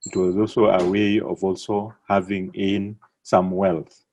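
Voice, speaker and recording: Deep husky man. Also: flat delivery, unhurried, a little mellow. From Kenya. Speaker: church council worker. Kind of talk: interview answers.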